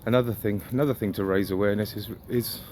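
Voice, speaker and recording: This time the riverside vlogger talks at a quick pace, his lowish voice slightly mellow and fairly even in intonation. Walking suburban streets outdoors amid background ambience, he rambles casually and musingly, offering opinions with mild swearing.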